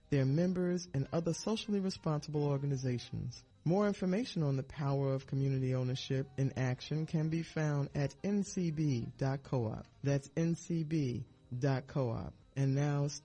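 A man reading a scripted sponsor announcement at a measured, deliberate pace. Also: a little high, dark tone, husky.

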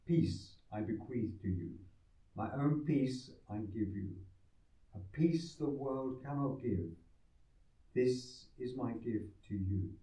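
A man, a priest, reading the Gospel and preaching in a slow, measured liturgical way, his voice carrying a cathedral echo. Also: mid-range voice, dark tone. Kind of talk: Gospel reading and homily at Mass. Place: large church. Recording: echoey church, voice far from mic, muffled.

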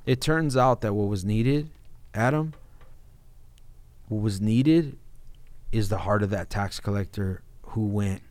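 A man's voice: lowish voice, slow, pauses often, darkish tone, dry recording. A man talking casually and earnestly in an informal, heartfelt conversation, often addressing his listener as bro. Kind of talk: casual heartfelt conversation about faith and marriage.

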